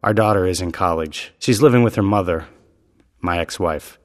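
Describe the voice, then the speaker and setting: A man reading scripted dialogue lines for a language lesson in a clear, even delivery. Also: deep voice, moderate pace. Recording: reverberant room.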